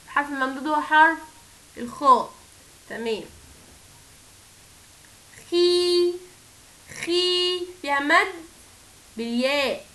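A woman with an Egyptian Arabic accent gives a recorded lesson to young children. Her voice is high and bright. She draws syllables out slowly for them to repeat and praises them warmly and often. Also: low-quality recording. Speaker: first-grade Arabic teacher.

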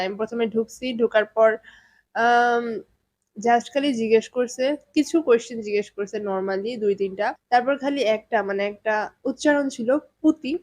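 A young woman from Bangladesh, chatting casually in a vlog and mixing in English words. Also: a little high. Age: young adult. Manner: chatty, mixes English words, nervous then wry. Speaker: vlogger.

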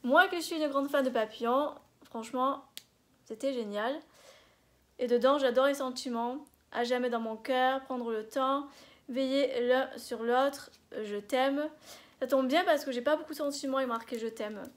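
French woman, high voice, enthusiastic hesitant haul vlogger. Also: measured pace. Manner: gushing, many filler "euh"s, repeats "j'adore". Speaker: scrapbooking vlogger. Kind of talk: casual product haul.

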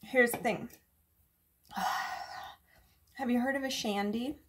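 A woman talks through a drink review in a loose, casual vlog. Her voice sits a little high, and she rambles with plenty of fillers, swearing and dry sarcasm. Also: steady tone, takes it slowly, a little hiss or hum. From United States.

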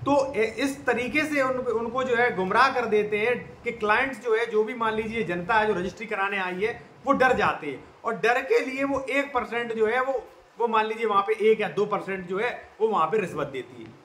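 A man's voice: high voice, normal speed, bright, forceful tone. A man, earnestly explaining a legal issue to his viewers in a monologue. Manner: earnest, repeatedly addresses viewers as companions. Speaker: legal commentator. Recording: echoey room with faint noise.

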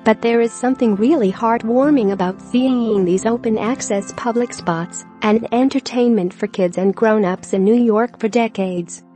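Higher-pitched woman reading a news article. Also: moderate pace, few pauses, warm tone. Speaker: narrator. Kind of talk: scripted narration of a news article. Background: music.

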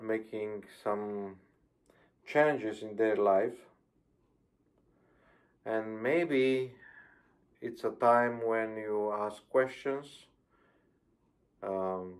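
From a plain room, a middle-aged pastor with a Romanian accent preaches via video call, his medium-pitched voice captured by a webcam. He speaks with care and hesitation, filling gaps with frequent ums.

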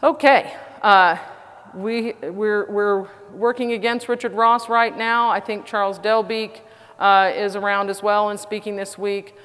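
A woman's voice: mid-range voice, steady tone, unhurried, a bit bright, clear, resonant tone. A middle-aged woman with a Texas accent giving a conference talk, chatty and self-deprecating with frequent fillers. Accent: Texan. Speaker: conference speaker. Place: large conference hall. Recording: reverberant conference hall.

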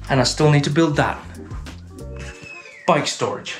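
For his workshop vlog, a man in his thirties from the UK talks through his build in a chatty, self-mocking, thinking-aloud way. He speaks at a measured pace in a fairly high voice. The footage comes from a head-mounted action camera in a garage, and the sound carries echo with music behind.

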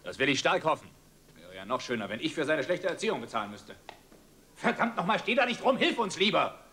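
An actor playing a middle-aged father who gruffly lectures his grown son, in dubbed film dialogue. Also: on the high side, very animated, brisk, sharp tone, heavily acted. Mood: angry.

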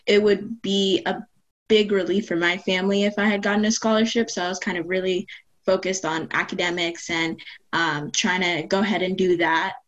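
A young woman student from Ethiopia, raised in Virginia, answering interview questions in a soft-spoken, casual way with lots of ums. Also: medium pitch, dull audio. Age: young adult. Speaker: student panelist. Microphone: laptop webcam.

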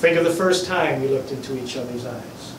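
A man's voice: medium pitch, fairly quick. Male [name]-style wedding officiant in echoey chapel. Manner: ceremonial with playful catchphrases. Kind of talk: officiating a vow renewal ceremony. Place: small indoor wedding chapel. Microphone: distant camera mic. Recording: echoey room, distant mic, faint noise.

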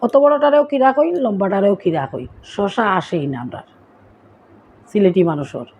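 A woman's voice: mid-range voice, sing-song, moderate pace, dark tone, lo-fi sound, slight background noise. A woman vlogger with a Sylheti Bengali accent, chatting playfully and straight to her viewers in a casual vlog. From Assam, India.

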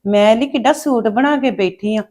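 A woman's voice: on the high side, moderate pace, a little mellow. A woman playing a jealous young mother who grumbles bitterly about her husband's sister. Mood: spiteful. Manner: bitter muttering.

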